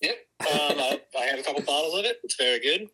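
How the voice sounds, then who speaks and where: A man's voice: mid-range voice, expressive, quick pace, sharp tone, breathy edge. A man calling in over a speakerphone, chatting casually in a laid-back way with frequent hesitations. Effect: heard over a speakerphone call. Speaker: caller, longtime listener. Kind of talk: casual chat. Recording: noisy phone line.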